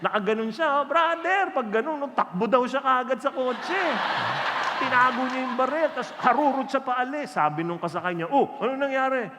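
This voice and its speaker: A man preaching a sermon to a large gathering, telling stories in an animated, joking way. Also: extremely high pitch, a little fast, background noise. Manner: animated storytelling with jokes. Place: large hall with an audience. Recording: echoey hall reverb.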